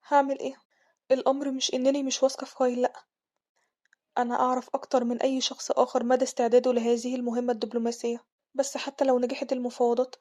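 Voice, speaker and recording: A woman's voice: high voice, warm tone, lightly acted. A woman with an Egyptian accent voicing an anxious young noblewoman who frets aloud, repeating worried questions. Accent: Egyptian Arabic.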